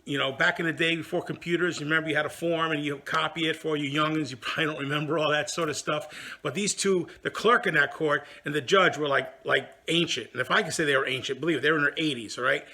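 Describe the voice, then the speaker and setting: A man who heads a law practice, telling a story in a casual monologue. He talks in an animated, indignant way, with many restarts. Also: on the high side, fast, vocal fry, few pauses.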